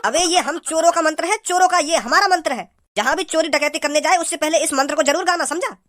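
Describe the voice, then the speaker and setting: A greedy cartoon thief boss voiced by a woman rants about money in a rapid, bossy stream. The voice sits high and the pace is very fast. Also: fairly bright tone. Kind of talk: cartoon comedy voice acting.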